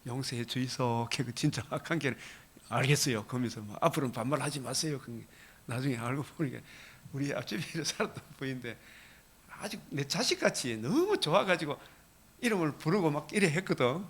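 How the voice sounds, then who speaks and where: A man's voice: medium pitch, lively intonation, normal speed, fairly bright tone. An older man with a Gyeongsang accent preaching an early-morning sermon, asking the congregation rhetorical questions. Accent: Gyeongsang Korean. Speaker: pastor.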